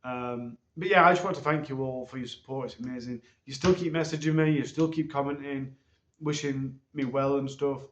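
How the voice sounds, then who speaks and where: A man hosts his own channel and gives his viewers a loose, hesitant update, often pausing on ums. He is recorded on a low-quality phone. The sound is dull and muffled, and the room echoes around his mid-pitched voice. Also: fairly even intonation, fairly bright tone, slight background noise. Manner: hesitant, rambling, many ums. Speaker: channel host.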